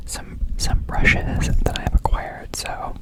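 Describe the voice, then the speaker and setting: A man whispering an ASMR ramble close to the microphone, softly repeating words and phrases as he goes. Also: takes it slowly. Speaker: ASMR video creator and host. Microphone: close microphone, brushed as he talks.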